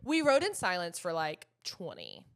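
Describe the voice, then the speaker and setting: A woman, co-hosting a podcast and telling a story in an animated way, laughing often. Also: fairly low pitch, normal speed. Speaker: podcast co-host. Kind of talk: casual chat.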